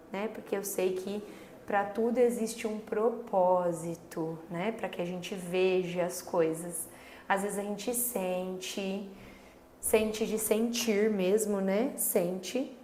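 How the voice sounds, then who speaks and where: A Brazilian woman in her thirties telling a faith story about her son in an earnest, slow, casual way, full of little filler tags. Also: medium pitch, darkish tone. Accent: Brazilian Portuguese. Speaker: mother sharing a faith story. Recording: echoey room with faint background noise.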